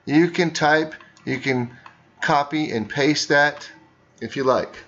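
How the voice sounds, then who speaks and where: Slow, methodical male teacher. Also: a little high, a bit bright, lo-fi sound. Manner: unhurried, talks through each click step by step. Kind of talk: narrated screen tutorial for students.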